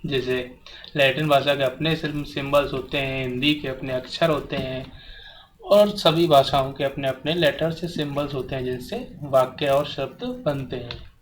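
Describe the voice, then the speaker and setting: A man teaching a grammar lesson, explaining in Hindi and reading English definitions slowly. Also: mid-range voice, slight background noise, rough recording. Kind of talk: exam-prep grammar lesson.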